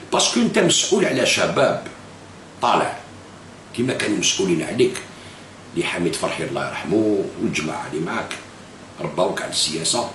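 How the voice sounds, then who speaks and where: Fast, animated Algerian-accented man. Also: lowish voice. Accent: Algerian Arabic. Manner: switches between Algerian Arabic and French, repeats phrases for emphasis. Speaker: political video blogger. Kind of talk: direct-to-camera commentary. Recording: echoey room with faint hiss.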